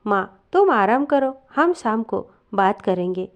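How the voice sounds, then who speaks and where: A woman reading the lines of a calm, worried young husband who speaks in a reasonable, even way, at a slow pace. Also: medium pitch, muffled recording. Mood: concerned.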